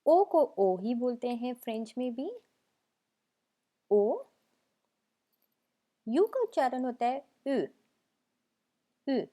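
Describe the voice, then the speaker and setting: A young woman acts as a patient tutor teaching French letters, narrating a slow language lesson and saying each sound twice. Her voice is fairly high and warm, very animated, at normal speed with hardly any pauses.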